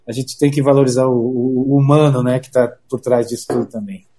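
A Brazilian man talks as an interview guest, explaining his trade casually. His voice is husky and very mellow, at a middling pitch, and he often restarts and adds little tag questions. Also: fairly even intonation, soft background music. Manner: halting, frequent "né" tags and repeated words.

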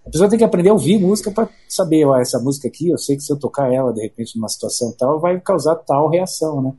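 A Brazilian man giving casual, halting explanations as an interview guest, with frequent tag questions. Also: fairly high pitch, animated, warm tone, slightly rough. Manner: halting, frequent "né" tags and repeated words.

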